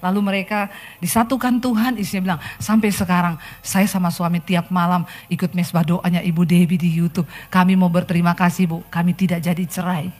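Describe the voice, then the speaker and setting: A woman's voice: on the low side, brisk. A middle-aged woman pastor preaching a sermon, telling stories and acting out the quotes. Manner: lively storytelling sermon, acts out quotes.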